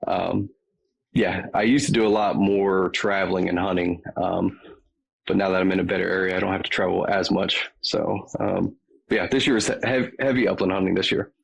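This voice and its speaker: A man's voice: deep voice, fairly even intonation, moderate pace, gravelly, slightly rough, rough recording. A man with a Southern US accent, a podcast guest chatting casually and rambling with many ums. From Virginia. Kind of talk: casual chat.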